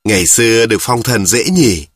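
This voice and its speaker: A man's voice: lowish voice, animated, normal speed, no echo. A man voicing a curt, sulky youngest daughter. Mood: curious.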